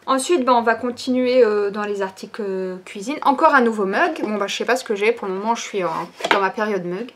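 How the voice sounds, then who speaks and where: A woman's voice: medium pitch, a little fast, few pauses, background noise. A woman presenting new items from her online shop in a casual, chatty way, with lots of fillers and hesitations. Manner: chatty, many fillers like "ben" and "euh".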